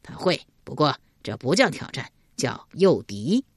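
A woman voicing a shrewd, calm male minister in a spoken historical novel, laying out plans step by step. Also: extremely low pitch, unhurried, husky, no echo, clean studio sound, voice pushed down, exaggerated voice. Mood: measured.

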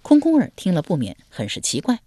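A woman narrating a historical novel as an audiobook, in an expressive storytelling cadence. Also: fairly low pitch, brisk, husky, no echo, studio quality.

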